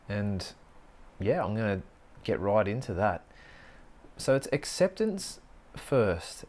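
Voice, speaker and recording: Earnest, musing man with a low voice. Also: darkish tone. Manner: earnest, musing, with frequent restarts and slow stretches. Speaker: podcast host and life coach. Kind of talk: reflective solo podcast monologue.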